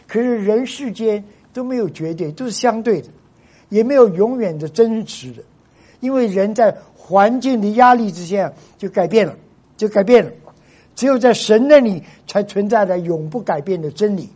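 A man's voice: sits high, expressive, moderate pace, warm tone, breathy edge. A male pastor preaching a sermon to his congregation. He stresses points by repeating himself and often drops English phrases into his Chinese.

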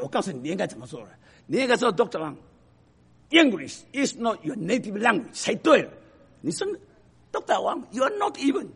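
A man who is a professor, telling stories to an audience in an emphatic, animated way that drops to a hush for the sad parts. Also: high voice, breathy edge. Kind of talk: storytelling talk to an audience.

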